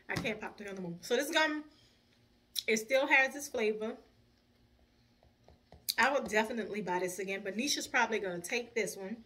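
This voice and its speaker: A woman's voice: fairly high pitch, sharp tone. An older woman reviewing snacks in a chatty, casual way while chewing gum, laughing easily. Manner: chatty, laughs easily, talks to viewers as y'all. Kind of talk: casual chat.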